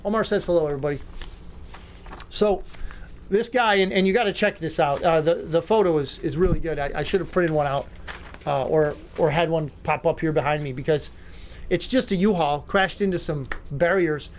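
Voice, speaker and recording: A man's voice: on the high side, a little hiss or hum. A man hosting a talk show, giving opinionated commentary with sarcastic, mocking asides and rambling restarts. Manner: rambling, with many fillers and restarts.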